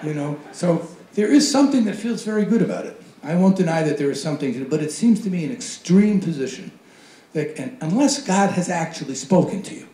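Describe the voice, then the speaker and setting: A man's voice: a little high, expressive, a little fast, dark tone. A man giving a wry, conversational talk on a panel, acting out quoted voices in asides. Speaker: panel speaker. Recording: roomy hall recording.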